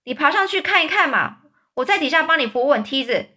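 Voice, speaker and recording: A woman voicing a loud, alarmed middle-aged police chief in a children's story reading. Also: high voice, lively intonation, fairly quick, pitched above the performer's own voice. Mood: alarmed shouting. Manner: shouting, alarmed.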